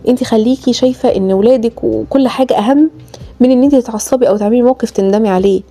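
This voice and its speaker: A woman's voice: fairly high pitch, rapid-fire, warm tone, faint music behind. A woman with an Egyptian Arabic accent, a mother coaching other mothers on parenting, earnest and addressing the viewer directly. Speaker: mother giving parenting advice. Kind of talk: direct-to-camera advice talk.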